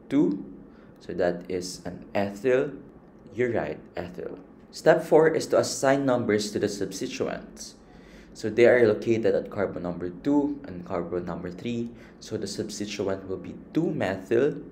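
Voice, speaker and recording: A man teaches in an unhurried, careful way, walking through each step and counting items one by one. His voice sits on the low side. A faint hiss runs under the recording. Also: darkish tone. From Philippines. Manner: slow, patient, counts items aloud. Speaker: chemistry teacher. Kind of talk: step-by-step classroom explanation.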